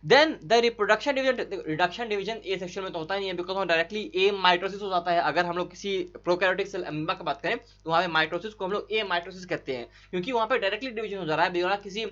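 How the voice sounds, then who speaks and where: A man tutoring biology for an entry exam, rushing through solutions in a chatty, coaxing way with frequent tag questions to his students. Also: high voice, steady tone, pushed and bright, highs cut off. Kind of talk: fast online exam-solution lesson.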